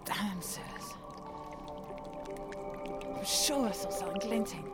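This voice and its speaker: A young scavenger of the old sewers, greedy and full of hope. Her hushed, eager voice swoops up and down at an unhurried pace. It sounds like a scene from an audio drama. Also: mid-range voice, animated, loud music behind the voice.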